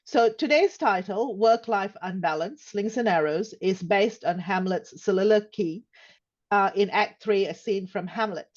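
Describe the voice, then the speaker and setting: An older woman co-presenting a webinar over a video call, speaking carefully and warmly with frequent ums. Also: medium pitch, unhurried, muffled recording. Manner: warm, careful, frequent um fillers.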